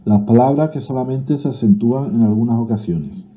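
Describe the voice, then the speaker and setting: A man with a Spanish accent reading a grammar lesson aloud, slow and deliberate, sometimes restarting a word. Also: medium pitch. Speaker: teacher. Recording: phone-like narrow-band audio.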